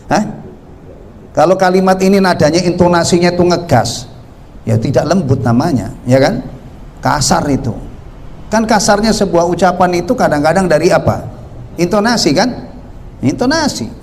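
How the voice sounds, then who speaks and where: A man's voice: a little high, a little mellow, slight background noise. Javanese-born man giving a mosque lesson. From Central Java, Indonesia. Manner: conversational, asks the audience questions. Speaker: Islamic teacher. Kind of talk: mosque study sermon.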